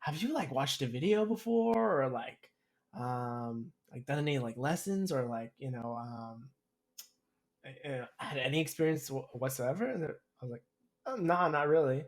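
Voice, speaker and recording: Speaking at medium pitch and a normal speed, this podcast co-host chats casually and tells stories full of slang. He brings them to life by voicing other people's lines as dialogue.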